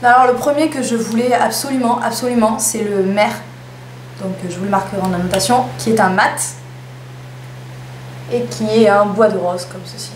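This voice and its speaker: A woman's voice: medium pitch, moderate pace. A young woman chatting casually through a lipstick haul, with playful self-mocking asides. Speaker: beauty vlogger. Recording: echoey room with faint hum.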